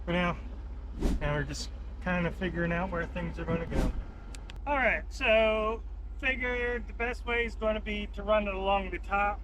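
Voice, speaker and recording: This how-to video features a vehicle installer whose high-pitched voice moves at normal speed. Background vehicle sounds make it noisy as he casually walks through the installation unscripted, musing aloud while he works.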